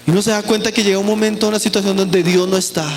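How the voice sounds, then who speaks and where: Man, sermon, very high voice, earnest, pleading. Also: level tone, very fast, slight background noise. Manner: earnest, pleading, addresses listeners as brothers. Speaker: preacher. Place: church camp meeting.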